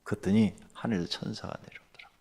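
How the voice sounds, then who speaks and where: A pastor giving a dawn sermon, telling a story in a lively way that swings from hushed asides to loud bursts. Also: male voice, on the low side, fast talker, gravelly, husky. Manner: animated, swings from hushed to shouting.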